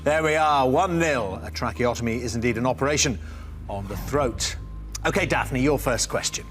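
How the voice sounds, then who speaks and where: A man's voice: mid-range voice, normal speed, fairly bright tone, faint music behind. A man hosting a television quiz show, announcing in an upbeat, theatrical way. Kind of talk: studio game-show presenting.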